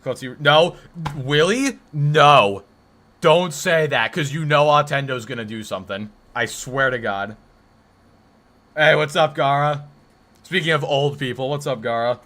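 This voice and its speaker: A little slow in delivery, this young livestream host of twenty has a deep voice that still carries a bright, forceful edge. He chats casually, teasing his viewers and rambling through joking self-defense.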